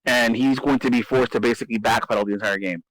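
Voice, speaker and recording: A man walks through game tactics in a relaxed podcast chat, stumbling over and repeating words as he presses his points. His voice sits at a middle pitch. The sound is close and dry with no room around it. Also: fast, no echo, low-quality recording. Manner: explanatory, repeats himself, emphatic. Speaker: host. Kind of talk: casual gaming strategy discussion.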